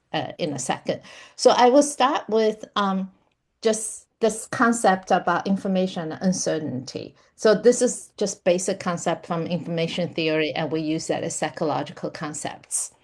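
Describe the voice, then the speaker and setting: A woman with a fairly low voice gives a technical lecture. She explains each idea patiently, step by step, often pausing on fillers and restarting sentences. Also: gravelly, a little mellow. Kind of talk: university lecture.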